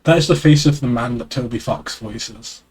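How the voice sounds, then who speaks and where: A stuffy-nosed man streams on an external desk mic, reading a webcomic out loud and chatting in a rambling, self-mocking manner, swearing casually. His mid-range voice is slightly rough and a little mellow, moving at a moderate pace.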